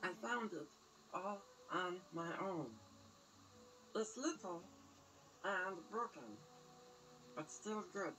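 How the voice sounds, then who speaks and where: A woman voices a small, wistful alien creature in a cartoon fan dub. It talks slowly in halting, childlike phrases at a medium pitch, with loud film music behind. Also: low-quality recording. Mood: wistful, earnest. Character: small, earnest, wistful blue alien creature with broken speech.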